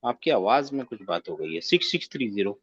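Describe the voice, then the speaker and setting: A man's voice: lowish voice, sing-song, husky, no room sound, lo-fi sound. A man teaching a grammar class online, patiently quizzing his students and repeating key points. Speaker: Arabic teacher.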